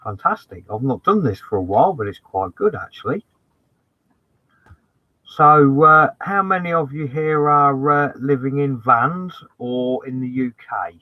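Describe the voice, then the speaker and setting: A man's voice: medium pitch, expressive, a little slow, dry recording, muffled recording. A man on a casual van-life live stream, talking from inside his converted van and cheerfully greeting viewers by name. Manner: upbeat, greets viewers by name, keeps saying "fantastic".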